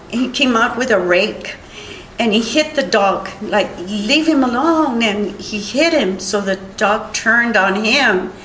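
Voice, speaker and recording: Older woman testifying slowly in an echoey courtroom. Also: fairly high pitch, fairly bright tone, a little hiss or hum. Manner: halting, rambling retelling with many restarts. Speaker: witness.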